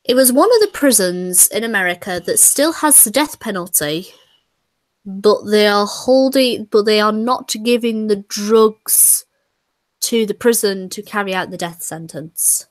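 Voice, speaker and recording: Lady chatting on stream, mid pitch, laughs a lot, dry close sound. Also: expressive, unhurried, no echo. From Britain. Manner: chatty, laughing, self-mocking. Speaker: co-host. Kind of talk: casual chat on a stream.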